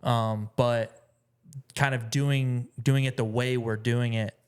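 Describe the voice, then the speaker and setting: Smooth-voiced man chatting as a guest. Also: medium pitch, fairly even intonation, slow pace, a little mellow. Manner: rambling, with many fillers and restarts. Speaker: musician guest. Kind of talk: casual interview chat.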